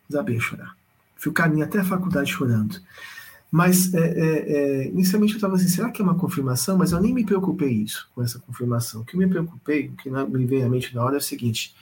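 A man casually telling a personal spiritual story, animated and repetitive, often speaking straight to his listeners. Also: fairly high pitch, low-quality recording. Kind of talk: casual spoken testimony.

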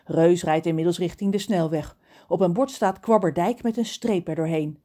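A woman narrating a children's storybook in an expressive, animated way. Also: lowish voice, moderate pace. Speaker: audiobook reader.

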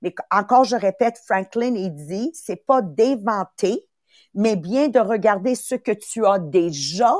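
A woman's voice: medium pitch, lively intonation, a little slow, darkish tone, dry recording, studio quality. A woman hosting a motivational podcast, upbeat, repeating words for emphasis and slipping into English. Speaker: podcast host and coach. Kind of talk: motivational live talk.

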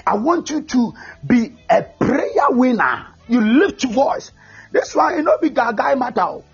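A man preaching a fervent sermon, often shouting and mixing English with Twi. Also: extremely high pitch, big pitch swings, a little slow, gravelly, slightly rough. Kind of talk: sermon with prayer. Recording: dull lo-fi recording with faint music.

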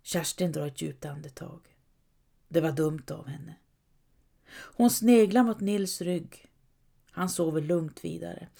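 Calm woman reading an audiobook. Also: fairly low pitch, vocal fry, pauses often. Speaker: audiobook narrator. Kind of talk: scripted narration.

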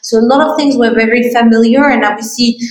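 A middle-aged woman answers interview questions, her speech halting and full of ums and restarts. She sounds set back from the mic in a room with plenty of echo. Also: a little high, steady tone. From Morocco. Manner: hesitant, many fillers and restarts. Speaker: art fair founder. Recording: roomy distant mic.

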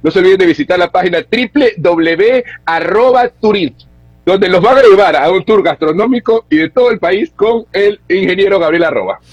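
A man's voice: sits high, expressive, normal speed, no echo, faint music behind. A man co-hosting a radio show, teasing and often repeating himself. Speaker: radio co-host. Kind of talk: lively studio banter. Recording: slightly dull radio sound.

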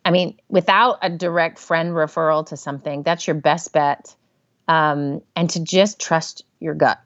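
Woman therapist guest, lowish voice, animated and chatty, dull dry sound. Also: a little slow, no room sound. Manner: animated, acts out inner voices in quotes. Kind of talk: casual interview talk.

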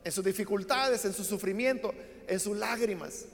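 A man's voice: high-pitched, normal speed, long reverb tail. A man preaching a sermon, telling Bible stories dramatically and acting out the voices of the people in them. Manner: dramatic storytelling, acts out quoted voices.

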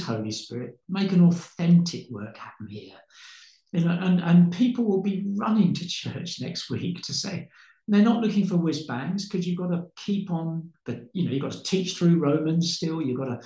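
A man's voice: a little high, a little mellow. A man, a pastor, telling stories with fervent, preaching energy, often repeating words as he builds. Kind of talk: passionate storytelling in conversation. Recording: roomy echo.

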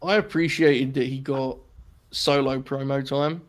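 A man's voice: medium pitch, steady tone, unhurried. A man co-hosting a casual podcast, rambling through his points with plenty of fillers. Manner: rambling analysis with many "like"s. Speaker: podcast co-host.

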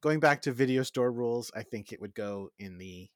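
A man's voice: mid-range voice, lively intonation, normal speed, no echo, clean studio sound. A man co-hosting a casual film discussion, hesitantly repeating words as he makes his points. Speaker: co-host.

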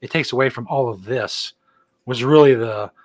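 This is a medium-pitched man talking at a moderate pace. He is a middle-aged podcast co-host in casual chat, easygoing and joking as he meanders through announcements.

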